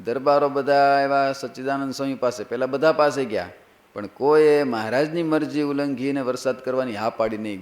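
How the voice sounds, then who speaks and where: A man who is a monk preacher, telling a sacred story as a sermon. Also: mid-range voice. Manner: lively storytelling, acts out characters.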